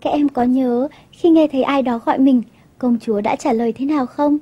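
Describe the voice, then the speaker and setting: Gentle female kids' TV teacher, high mellow voice with a husky edge, dull lo-fi broadcast sound. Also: brisk. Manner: gentle, coaxing questions to children. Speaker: English teacher. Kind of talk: storytelling TV lesson for children.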